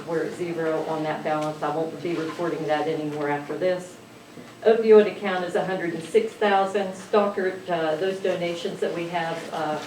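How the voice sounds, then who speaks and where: A woman finance officer reading a council financial report, hurrying through the numbers with fillers. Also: on the low side. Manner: rushed, reeling off figures with fillers. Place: council chamber. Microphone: distant room mic. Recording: echoey chamber, distant mic, noise.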